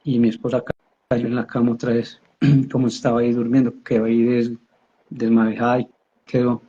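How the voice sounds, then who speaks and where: A man with a husky, mellow voice tells his conversion story in a flat, even tone. He halts and repeats himself as he goes. The audio is dull and lo-fi. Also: mid-range voice. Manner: halting, repeats and restarts words. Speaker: man giving a conversion testimony. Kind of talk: personal religious testimony.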